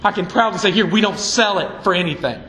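A man's voice: sits high, fast, pushed and bright, reverberant, a little hiss or hum, poor audio. A man preaching a sermon from the pulpit, fiery and emphatic. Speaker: pastor. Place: church sanctuary.

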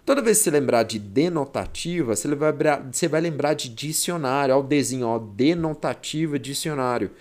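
A young male teacher with a Goiás Brazilian Portuguese accent runs a relaxed exam-prep lesson. He talks in a chatty, slangy way and keeps things playful. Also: medium pitch, brisk, hardly any pauses.

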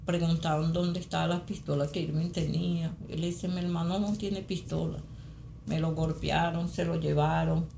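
A middle-aged Venezuelan woman giving spoken testimony as a mother, halting and repeating phrases. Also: sits low, fairly even intonation, gravelly, dark tone, echoey room, slight background noise. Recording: interview with music underneath.

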